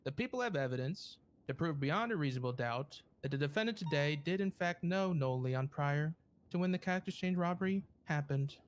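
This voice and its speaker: A man role-playing a prosecutor, formally addressing a court with somewhat halting phrasing. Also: fairly high pitch, expressive, a little hiss or hum. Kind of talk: improvised courtroom role-play.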